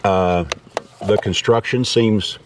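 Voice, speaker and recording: The distant mic catches clear background noise and a lowish, slow male voice. He's an American vlogger doing a folksy, rambling, unscripted review of gear.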